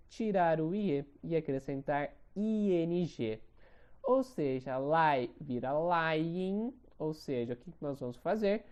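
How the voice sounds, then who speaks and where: A man with a Brazilian Portuguese accent teaching an English grammar lesson online, often checking in with quick questions and slowing down to spell out examples. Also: a little high, warm tone.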